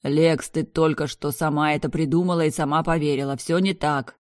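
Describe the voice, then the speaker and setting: A woman's voice: sits low, fairly even intonation, fairly quick, no echo, clean studio sound, natural voice. A woman voicing an alarmed young brother. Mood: urgent pleading. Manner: urgent, pleading, raised voice.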